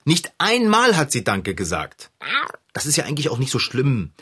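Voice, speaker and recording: A man playing an indignant young male friend who tells his grievance animatedly, with big jumps in pitch. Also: wildly swooping pitch, moderate pace, fairly bright tone, breathy edge, heavily acted.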